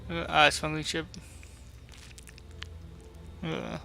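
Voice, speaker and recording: A man's voice: a little high, completely flat delivery, extremely slow, gravelly, pushed and bright, soft background music. A man giving casual playthrough commentary on a video game, musing aloud. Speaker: gamer, video host.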